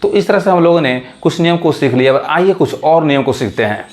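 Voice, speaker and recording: A man teaching a language lesson. He explains the rules step by step, keeps asking whether the viewers understand, and says each example word slowly and low. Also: lively intonation, slight background noise. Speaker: English teacher.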